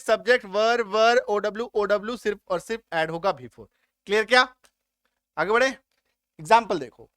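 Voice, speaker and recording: A man with a high voice teaches an English grammar lesson at an unhurried pace. He walks through each step and keeps asking whether the point is clear. The recording is dry and close, with no room sound. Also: fairly bright tone, no echo. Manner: explains step by step, keeps checking if students understood.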